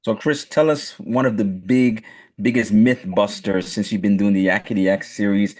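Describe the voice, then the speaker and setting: A man's voice: on the low side, fairly even intonation, moderate pace, darkish tone. A man hosting a casual interview, asking long questions with many filler words. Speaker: host.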